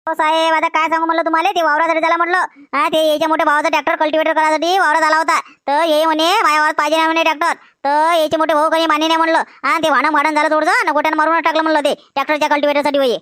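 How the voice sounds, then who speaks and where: A woman playing a rapid, insistent village widow. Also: sits high, little pitch movement, fairly bright tone, no echo, studio quality. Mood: pleading. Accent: Varhadi Marathi. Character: distraught village widow seeking justice. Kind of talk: rural comedy skit acting.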